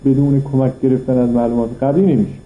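A man at middle pitch gives a classroom philosophy lecture. He reads a passage, then unpacks it step by step and presses his argument with rhetorical questions. The sound is roomy and a little dull, with faint noise behind him. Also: flat delivery. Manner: reads Arabic passages then explains them in Persian; argues point by point with rhetorical questions. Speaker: philosophy teacher. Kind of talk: classroom lecture reading and explaining an Arabic text.

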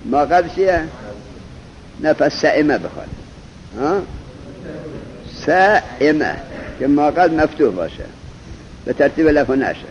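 Male teacher, slightly high voice, seminary-style class lesson, keeps firing questions at students, drags out example words; muffled lo-fi tape with faint hiss. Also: lively intonation. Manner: quizzes students, drawls example words slowly. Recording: dull lo-fi recording with faint noise.

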